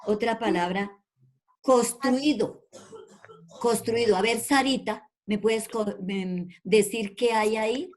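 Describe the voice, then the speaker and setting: A woman's voice: on the high side, unhurried, hardly any pauses. Woman teacher, online class over video call, patient and affectionate, repeats questions. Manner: patient, calls pupils by name and repeats questions; affectionate with pupils. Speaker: primary school teacher.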